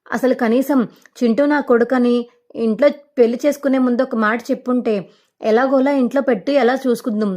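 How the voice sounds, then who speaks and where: A woman's voice: fairly high pitch, fairly even intonation, a little fast, darkish tone, lightly acted. A woman telling a TV serial's story, voicing an outraged young wife who accuses her co-sister of lies. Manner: fiery, accusing.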